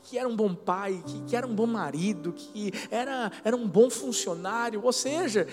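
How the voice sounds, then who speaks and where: Male pastor, high voice, emotive storytelling sermon; long hall reverb, music beneath. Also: normal speed. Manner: emotive storytelling preacher, swings between soft and loud. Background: musical instrument playing.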